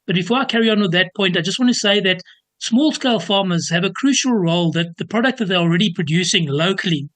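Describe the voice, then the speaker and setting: A man's voice: sits high, expressive, fast, a bit bright. A South African man answering as an expert guest in a radio interview.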